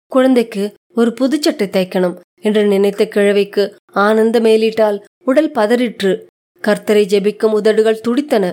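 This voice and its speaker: Woman narrating a short story, fairly high voice. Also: darkish tone.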